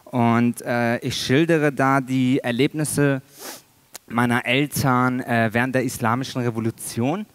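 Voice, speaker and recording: A man in his thirties, born in Iran, presenting his illustration work at a conference in a halting way with many fillers and some dry humor. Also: mid-range voice, steady tone, clean tone, no room sound. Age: 30s. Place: large dark auditorium stage. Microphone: headset mic.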